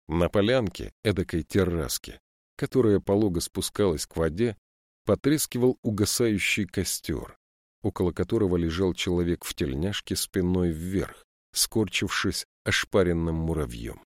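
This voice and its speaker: A man narrating an audiobook in a measured storytelling manner. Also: low-pitched, animated, no echo, studio quality. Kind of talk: scripted narration.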